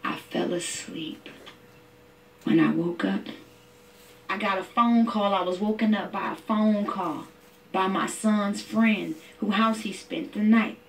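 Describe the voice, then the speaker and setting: A woman's voice: mid-range voice, slow, creaky, distant mic, slight background noise, rough recording. A middle-aged mother from Oakland telling her own story in vivid, emotional detail. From Oakland, California. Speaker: interviewee, mother. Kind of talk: personal testimony.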